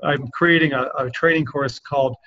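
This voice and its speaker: A man's voice: mid-range voice, steady tone, normal speed. Earnest man coach, dull lo-fi sound. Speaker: men's coach. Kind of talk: casual podcast conversation.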